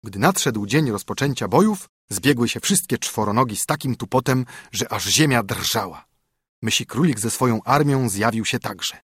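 A man reads a classic fairy tale as an audiobook narrator. His husky voice moves up and down lively, recorded close and dry. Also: medium pitch, normal speed, no room sound.

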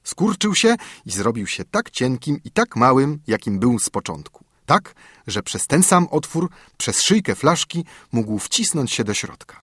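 A man narrating a fairy tale in an expressive, lively reading. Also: mid-range voice, measured pace, husky, dry recording, clean studio sound. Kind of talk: storybook narration.

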